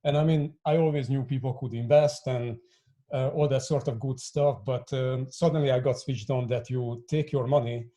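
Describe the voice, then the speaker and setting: A man's voice: mid-range voice, steady tone, moderate pace, dark tone. A man in his forties from Hungary, a guest on a podcast interview, talking with many restarts and repeated words. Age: 40s. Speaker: guest, fintech co-founder.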